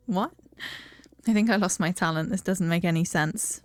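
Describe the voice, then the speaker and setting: A woman's voice: on the low side, moderate pace. A woman giving emotional, reactive let's play commentary as she plays. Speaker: game streamer.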